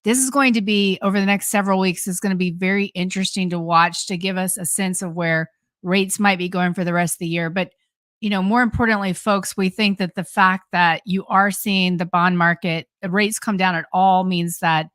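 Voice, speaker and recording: Female co-host, halting and measured, dry sound. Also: on the low side, steady tone, a bit bright, dry recording. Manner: halting, frequent restarts, measured. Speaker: co-host, commentator. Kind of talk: casual live-stream commentary.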